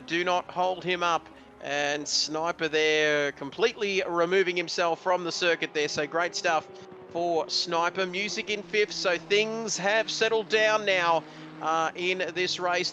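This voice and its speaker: A man calls a live sim race with a high, bright, sharp voice that keeps surging with excitement. His play-by-play flows quickly and wears its emotion openly, with a faint hiss of background noise under the mic. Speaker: race commentator. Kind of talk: live sim racing commentary.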